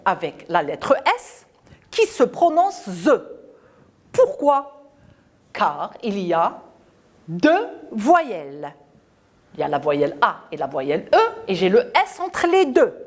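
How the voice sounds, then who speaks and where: For her young pupils, a woman primary teacher works through French at an easy pace, lifting and dropping her pitch in a sing-song manner. She elongates each word and sound and says it more than once.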